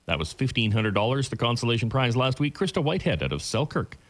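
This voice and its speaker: A man working as a radio bingo caller, announcing the game and numbers clearly and repeating key details. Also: mid-range voice, big pitch swings, fast talker.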